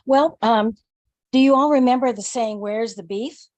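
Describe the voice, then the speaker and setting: A woman's voice: fairly high pitch, moderate pace, darkish tone, no room sound. A woman from the USA giving an articulate, enthusiastic testimonial on a video call with audio only. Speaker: company member on a webinar. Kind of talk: casual testimonial.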